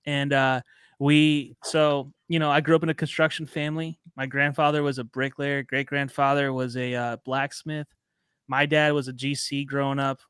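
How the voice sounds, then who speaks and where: A man's voice: mid-range voice, clean tone, no room sound, studio quality. A man in his thirties from Chicago, chatting and telling stories as a guest on a podcast. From Chicago, USA. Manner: chatty, storytelling, relaxed slang. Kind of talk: casual podcast conversation.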